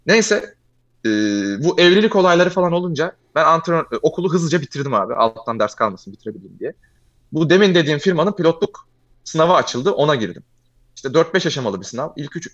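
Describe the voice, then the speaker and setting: Kendi sesiyle hızlı konuşan genç adam. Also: male voice, fairly high pitch, lo-fi sound. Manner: fast animated storytelling, addresses listener as "abi". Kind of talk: casual storytelling chat.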